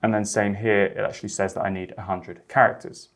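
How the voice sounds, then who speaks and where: A man hosting a software tutorial, upbeat and chatty, explaining steps enthusiastically. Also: lowish voice, little pitch movement, fairly quick, gravelly. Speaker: host.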